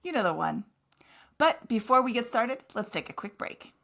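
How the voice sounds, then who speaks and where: A woman's voice: on the high side, sing-song, normal speed, creaky, a bit bright. Chatty woman podcast co-host. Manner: chatty, self-mocking asides. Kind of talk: casual podcast chat.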